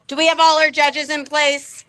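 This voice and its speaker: Woman, event host, live commentary, upbeat, high voice, bright tone. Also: flat delivery, moderate pace. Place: outdoor off-road race event.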